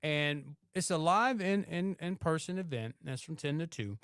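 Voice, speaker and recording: A man co-hosting a relationship talk show, chatting casually with hesitant fillers and quick affirmations. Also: fairly high pitch, lively intonation, a bit bright, clean tone, no room sound, clean studio sound. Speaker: relationship podcast co-host. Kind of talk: casual chat.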